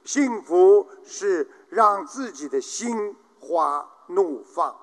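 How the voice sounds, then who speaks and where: A man preaching a Buddhist sermon at an unhurried pace, his pitch rising and falling widely. His voice sits fairly high for a man, and a long reverb trails his words through a large hall. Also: expressive, a bit bright. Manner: slow, measured preaching, acting out joke characters. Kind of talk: sermon with jokes.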